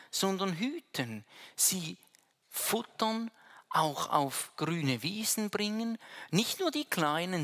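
Slow, bright-voiced preacher giving a sermon. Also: vocal fry. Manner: emphatic preaching that swings between hushed low phrases and loud raised ones; addresses the listener directly and informally. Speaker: pastor.

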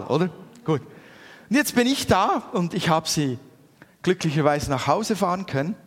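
Middle-aged Swiss German man, preacher type, slightly raised pitch, lively storyteller, long hall echo. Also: husky. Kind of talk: anecdotal sermon.

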